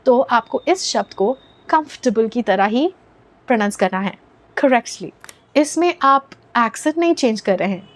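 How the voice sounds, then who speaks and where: Indian woman English teacher, high voice, patient explainer who spells out and models words. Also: lively intonation, moderate pace. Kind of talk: scripted lesson to camera.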